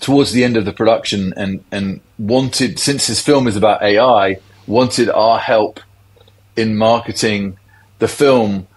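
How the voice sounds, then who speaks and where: A man's voice: on the low side, unhurried, rough recording. A middle-aged man, a tech industry guest, explaining things in a loose, conversational interview.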